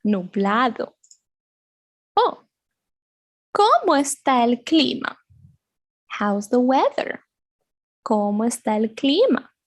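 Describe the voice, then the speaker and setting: A woman teaching a beginners' language lesson for children, animated and playful, repeating words slowly with sound effects. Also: on the high side, no room sound. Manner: animated, exaggerated, slow repetitions with sound effects. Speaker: Spanish teacher.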